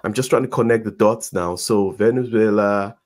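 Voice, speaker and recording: A man's voice: on the low side, moderate pace. A man hosting a podcast interview over a video call, encouraging his guest with short listening sounds. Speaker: podcast host. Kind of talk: casual interview chat. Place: home room, indoors. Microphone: headset with desk mic, video call.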